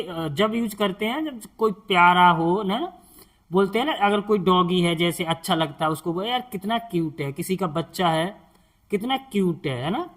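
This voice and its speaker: Brief: male tutor, high voice, unhurried, patient question-and-answer teaching. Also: fairly bright tone. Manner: slow and patient, spells out words letter by letter and asks the viewer questions. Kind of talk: spoken English lesson for beginners.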